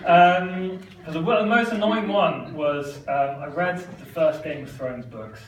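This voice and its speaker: A man's voice: a little high, a little slow. A man performing stand-up comedy with magic tricks, chatty and self-deprecating, often laughing at his own stories. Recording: echoey room, mic from far off, noisy.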